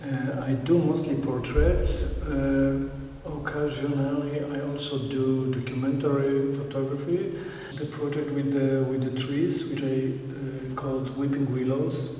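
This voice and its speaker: A man's voice: mid-range voice, flat delivery, a little slow, dark tone. Polish-accented man in an echoey hall. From Poland. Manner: hesitant, many fillers and restarts. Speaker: photographer. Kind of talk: interview talk. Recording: echoey hall, distant mic, faint noise.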